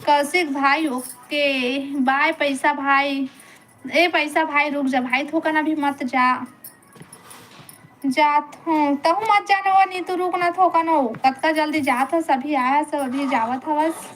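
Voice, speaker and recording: A woman's voice: sits high, fairly even intonation, slow pace, fairly bright tone, slight background noise. A woman with a Chhattisgarhi accent hosting a casual live stream, greeting viewers by name and urging them to stay and comment.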